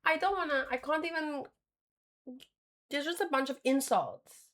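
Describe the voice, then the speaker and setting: A high-pitched, slightly bright-voiced woman reacts to manga on her stream at a moderate pace. Chatting informally, she often revises her sentences partway through.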